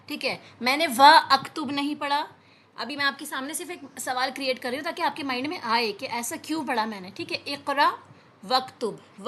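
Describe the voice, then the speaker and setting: A woman teaching an Arabic lesson, reading words slowly and explaining them patiently with frequent checks on understanding. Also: sits high, sharp tone, slight background noise. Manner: explains patiently, repeats words, often says "theek hai" to check understanding. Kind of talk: classroom lesson.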